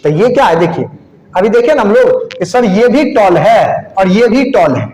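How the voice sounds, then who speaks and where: A male biology teacher giving a classroom lecture. He spells out terms slowly as he writes and keeps asking the class questions. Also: sits high, lively intonation, darkish tone, echoey room, poor audio. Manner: repeats terms slowly while writing, asks questions to the class.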